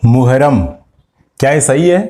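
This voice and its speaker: Man as a grammar tutor with a warm, mellow tone, patiently walking students through corrections. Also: mid-range voice, a little slow. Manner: explains step by step, asks students questions; addresses students directly. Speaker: Hindi grammar teacher. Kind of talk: exam-prep lesson.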